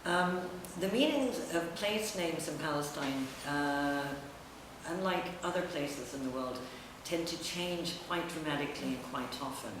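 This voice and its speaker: A middle-aged woman with a deep, unhurried voice, a writer and editor, presents her own essay in a semi-improvised public talk. She sounds distant in an echoey indoor room at a public event. The recording is very echoey and noisy.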